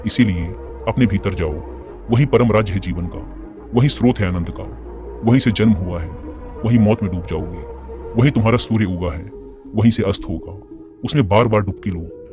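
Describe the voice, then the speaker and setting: A man voicing a calm, wise older spiritual teacher, speaking in a slow, measured preaching tone. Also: fairly low pitch, natural voice. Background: music.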